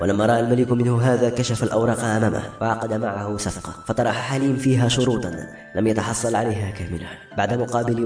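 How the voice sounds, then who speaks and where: A man narrating a novel in an expressive, dramatic reading. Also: medium pitch. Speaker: audiobook narrator. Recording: roomy audiobook recording, faint music.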